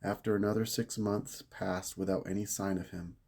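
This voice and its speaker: A low-pitched man with a warm, mellow voice reads a story aloud. He tells it with measured drama and lingers on key words. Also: flat delivery, creaky. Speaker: reader of a saint's life. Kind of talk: read-aloud narration.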